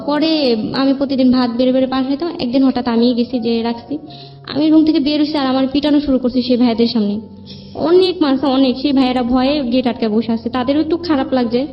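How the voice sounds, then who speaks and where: In an interview, a guest with a Bangladeshi accent and fairly high voice recounts her life in a rambling, plain-spoken way, acting out the dialogue she reports. The recording is band-limited and slightly dull, with music playing in the background.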